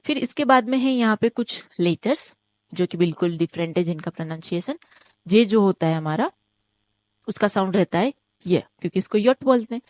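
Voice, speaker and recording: Teaching German over the internet, a woman with an expressive, somewhat mellow mid-pitched voice moves step by step and keeps asking "ठीक है?". She says each sample word slowly two times. No room echo colors the dry, close recording.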